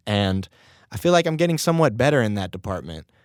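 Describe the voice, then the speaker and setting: Very animated and brisk, a young podcast host and rapper with a lowish voice rambles through casual solo chat, cursing and laughing at himself. His voice, still recovering, sounds a little strained, and the studio-quality recording has no room sound.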